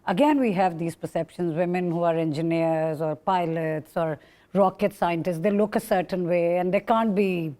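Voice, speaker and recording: A woman's voice: lowish voice, steady tone, normal speed, warm tone. A woman hosting a casual talk show discussion, making emphatic points and rephrasing as she goes.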